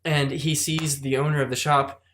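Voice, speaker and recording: A man co-hosting a casual podcast, telling a story in a halting way and repeating his words as he goes. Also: a little high, level tone, fairly bright tone, a little hiss or hum. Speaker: podcast co-host. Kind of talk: casual chat among friends.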